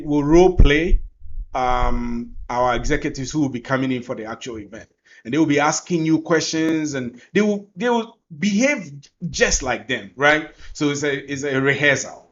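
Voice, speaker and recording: A man's voice: on the high side, animated, moderate pace, muffled recording. A man from Ghana with a Ghanaian accent, teaching through personal stories and repeating phrases for emphasis. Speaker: course presenter. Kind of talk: personal storytelling in a lesson.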